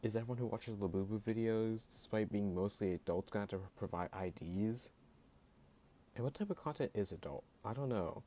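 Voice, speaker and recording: A man ranting as a YouTube creator comes across sarcastic and blunt, with heavy use of "like" and a voice that gets jittery now and then. It's lowish and dark, fairly quick, with a little hiss or hum.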